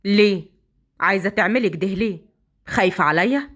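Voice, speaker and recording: A woman's voice: mid-range voice, fairly quick, fairly bright tone, voice pushed down, lightly acted. A woman with an Egyptian accent voicing a stern, suspicious young husband who speaks coldly and accusingly, in a storybook romance. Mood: probing. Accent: Egyptian Arabic. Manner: cold, accusing, then muttering to himself.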